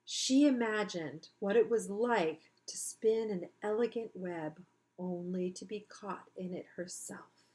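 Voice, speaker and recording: A woman's voice: mid-range voice, slow pace, a little mellow, rough recording. Woman teacher, mid-range voice, reads a children's book aloud with chatty explaining asides.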